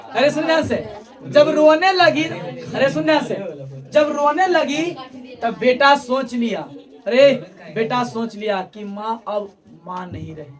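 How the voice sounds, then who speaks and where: A woman teacher, retelling a story to her students in an animated way, often repeating phrases and calling on them to listen. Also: high-pitched, far from the mic.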